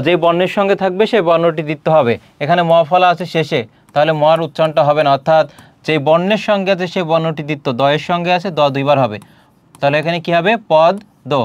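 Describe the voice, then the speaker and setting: High-voiced man drilling grammar examples. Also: dry recording. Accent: Bangladeshi Bengali. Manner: asks and answers his own questions, drawing out example words. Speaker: teacher. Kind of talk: exam-prep grammar lecture.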